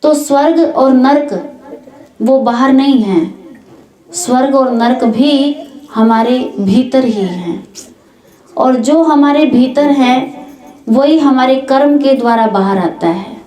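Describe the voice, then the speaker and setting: A woman's voice: high-pitched, takes it slowly, warm tone. A woman giving a spiritual discourse at a village gathering, explaining her points with spoken examples. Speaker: spiritual speaker. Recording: echoey room.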